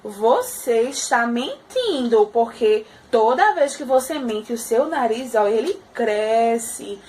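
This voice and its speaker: A woman voicing a kind fairy godmother, speaking slowly and gently scolding. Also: a little high, animated, slight background noise. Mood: gentle.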